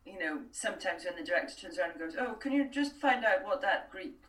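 Fairly low in pitch but fast, animated and a touch bright, this woman's voice belongs to a voice and accent coach who speaks Welsh. She answers interview questions in a chatty way, full of fillers and restarts, on a distant, roomy recording.

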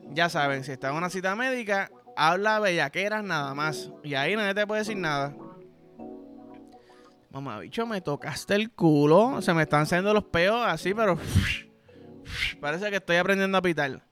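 Puerto rican guy ranting and cussing on his podcast, high bright voice, faint music under it. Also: normal speed. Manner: profane, ranting, acts out quoted people. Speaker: podcast host. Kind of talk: solo comedic rant.

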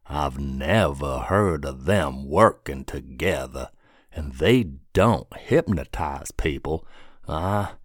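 A man doing a slow, grave drawler. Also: very deep voice, lively intonation, no room sound, clean studio sound, pitched below the performer's own voice, heavily acted. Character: serious, thoughtful man, slow-spoken.

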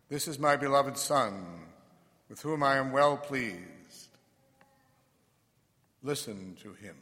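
A male priest reading the gospel and giving a measured, reflective homily, heard with a long church echo. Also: mid-range voice. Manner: measured and reflective, with soft trailing asides. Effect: long cathedral-like church echo. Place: large church. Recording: echoey church hall reverb.

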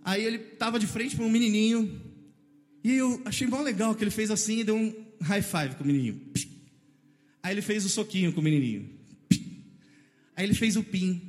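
A man in his thirties with a Brazilian Portuguese accent, telling a funny personal story in an animated way and acting out voices and sound effects. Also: sits high, in a large hall.

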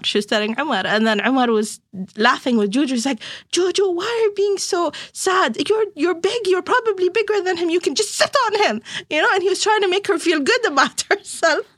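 A woman telling lively stories about motherhood in an interview, acting out other people's voices and laughing often. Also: high-pitched, no room sound, clean studio sound. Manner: animated, acts out quoted voices, laughs often. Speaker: guest mother sharing stories. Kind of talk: casual interview storytelling.

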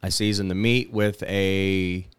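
A man's voice: low voice, little pitch movement, slow pace, smooth, no echo. A man co-hosting a podcast in casual, blunt and profane chat. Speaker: podcast co-host.

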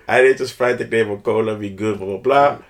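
A man's voice: on the low side, brisk. Een man met een Nederlands die in een ontspannen gesprek geanimeerd verhalen vertelt, met Engelse straattaal en klanknabootsingen ertussen. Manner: animated, slangy, mixes in English phrases and sound effects. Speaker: podcast co-host. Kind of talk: casual storytelling chat.

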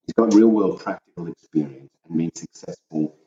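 A man's voice: sits low, normal speed, dark tone, far from the mic, a little hiss or hum. A middle-aged man, a podcast guest, talking in a plain, matter-of-fact way. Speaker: guest, host's husband. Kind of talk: casual podcast chat. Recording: dull, echoey, off-mic.

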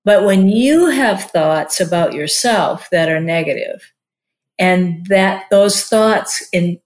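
An older woman in her sixties with a somewhat low-pitched voice, speaking as a marriage and family therapist. She talks in a loose, chatty interview manner and drops in plenty of "like" fillers. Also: slow pace. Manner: chatty, warm-hearted, many "like" fillers. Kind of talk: casual interview talk.

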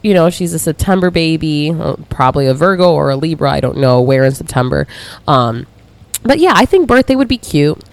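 A woman's voice: low voice, fairly quick, no room sound. A woman hosting an advice podcast, blunt and heavily profane, laughing often and gushing over listener messages. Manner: gushing and animated when excited. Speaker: podcast host.

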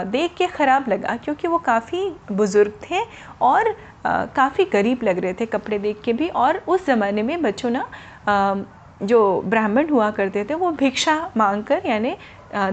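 A woman narrates a story to children in a gentle, explanatory manner, pausing with small fillers. Her voice sits fairly high. A faint ambient hum is heard behind her. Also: expressive, dull audio.

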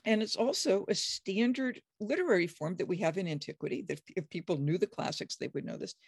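A biblical scholar, middle-aged or older, talking with enthusiasm and emphasis and breaking into high, acted quotes. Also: animated, brisk, gravelly, breathy edge, no echo, clean studio sound. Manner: acts out quoted speech with sudden high pitch jumps; emphatic, enthusiastic, frequent restarts. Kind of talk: animated explanatory conversation.

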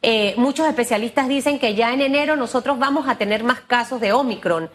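A woman's voice: a little high, fairly quick. A woman with a Panamanian Spanish accent hosting a broadcast interview in an informal, direct, colloquial way. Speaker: talk show host. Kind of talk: lively conversational broadcast interview.

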